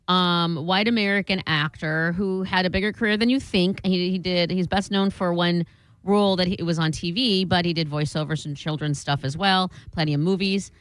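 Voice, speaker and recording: A woman co-hosting a call-in radio show, playful and quick with asides, laughing easily. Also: on the low side, smooth, no echo. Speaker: radio co-host. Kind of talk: casual call-in radio banter.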